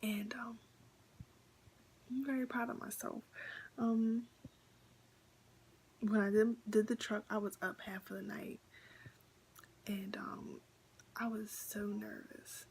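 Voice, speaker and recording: Young woman, casual vlog storyteller, half-whispered and chatty, gravelly fry, faint noise behind. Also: mid-range voice, takes it slowly, pauses often. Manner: chatty, excited, many fillers and repeats. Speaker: vlogger.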